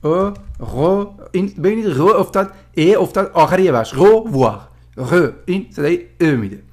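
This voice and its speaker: A man giving a casual language lesson, explaining pronunciation slowly and repeating each sound aloud. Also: high-pitched, lively intonation. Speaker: French teacher.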